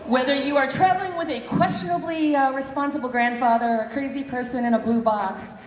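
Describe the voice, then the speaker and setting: A woman's voice: high voice, fairly quick, noisy background. A woman chairing a convention, giving an earnest, thankful closing speech with nervous fillers from a hotel hall stage. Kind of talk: closing ceremony speech to a crowd. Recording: echoey hall from far off, loud crowd.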